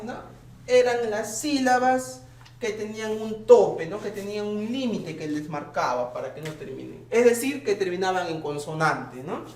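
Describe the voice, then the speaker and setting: A man with a high, light voice walks students through an exam answer by answer. He is patient and keeps checking in with them. The sound is roomy and echoey. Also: slight background noise. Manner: patient, checks in with tag questions. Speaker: teacher. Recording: echoey room.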